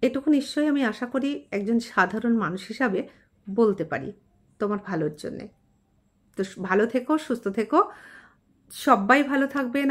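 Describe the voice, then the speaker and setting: A woman astrologer talks straight to her viewers in a commentary vlog. Her voice sits somewhat high, and her manner is earnest and admonishing as she addresses someone respectfully as mother. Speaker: astrologer and channel host.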